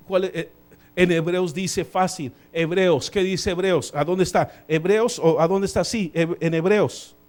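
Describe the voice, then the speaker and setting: Male pastor, church sermon, animated delivery, loud peaks and soft asides, fairly high voice. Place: church sanctuary.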